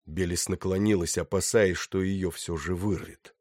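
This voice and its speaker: Low-voiced male audiobook narrator. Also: steady tone, normal speed, darkish tone, no echo, clean studio sound. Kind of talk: scripted narration.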